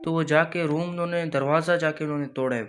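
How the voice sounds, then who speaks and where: A man's voice: fairly high pitch, steady tone, fast. A man casually telling a horror story in a rambling way, full of fillers and calling the listener brother. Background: music.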